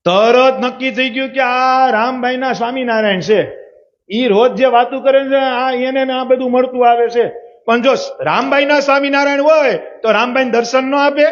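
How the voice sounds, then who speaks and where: A man with a Saurashtrian Gujarati accent telling a devotional story as a sermon at a religious assembly, often asking the audience rhetorical questions. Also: very high-pitched. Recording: muffled lo-fi recording.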